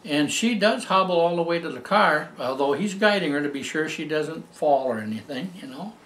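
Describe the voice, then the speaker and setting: A man's voice: a little high, animated, moderate pace, a bit bright, roomy sound, slight background noise. Older man rambling through a heartfelt story. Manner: rambling, heartfelt, many fillers and restarts. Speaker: storyteller recounting personal experiences. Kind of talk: casual spoken testimony.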